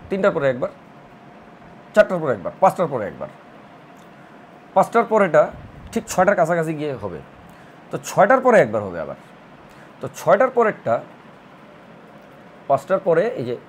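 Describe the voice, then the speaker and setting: A man's voice: a little high, big pitch swings, brisk, pauses often, slight background noise. A man teaching a recorded math lesson, explaining step by step and repeating counts in rhythmic lists. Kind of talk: online admission-prep math lesson.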